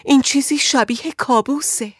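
A woman's voice: high voice, fairly bright tone, dry recording, clean studio sound, pitched above the performer's own voice. A woman voicing an anxious married woman who pleads and frets about her husband in an audiobook. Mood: distressed. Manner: agitated, pleading.

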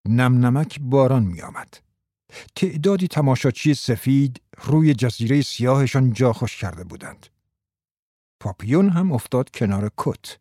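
A man narrating a story in a measured, even way. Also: medium pitch, no echo, clean studio sound. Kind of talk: scripted narration.

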